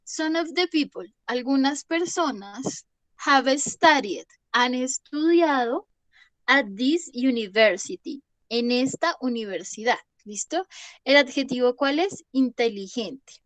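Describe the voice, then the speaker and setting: Young teacher, higher voice, dry close mic, patient, keeps checking in. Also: female voice, animated, slow, a bit bright, no echo. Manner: patient, repeats "¿listo?" to check understanding. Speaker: English teacher. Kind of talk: online class lesson.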